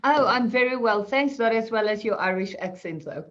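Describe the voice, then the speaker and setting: A woman's voice: fairly high pitch, lively intonation, moderate pace, fairly bright tone, dull audio. A woman speaking as an attorney panelist in an online discussion over a video call. She is chatty and self-deprecating, explaining points at length.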